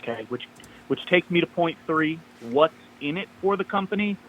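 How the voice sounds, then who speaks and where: A man calls in on speakerphone and casually shares upbeat advice one step at a time. His voice sits on the high side and is a bit bright, with lively intonation and a normal pace. Slight background noise can be heard.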